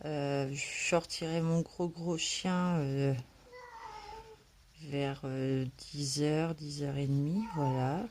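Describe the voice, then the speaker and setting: A woman chats slowly and hesitantly in a casual home vlog, filling her sentences with little pauses and fillers. She has only just woken up, and her voice keeps an even pitch. A cat meows faintly in the background. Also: a little hiss or hum. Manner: hesitant, many fillers, chatty. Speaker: coloring vlogger. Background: cat meowing.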